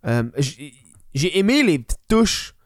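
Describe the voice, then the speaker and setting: A Quebec-accented man with a fairly high voice chats as a solo podcast host. His talk is informal and sweary, sprinkled with English slang. The recording is dry, free of room echo. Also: sing-song, a little slow. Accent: Quebec French. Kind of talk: casual podcast chat.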